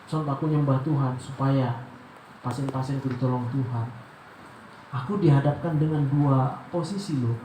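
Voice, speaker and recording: A man, a doctor, giving a devotional sermon in an animated way, asking rhetorical questions and acting out prayers. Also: mid-range voice, moderate pace. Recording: echoey room with loud background noise.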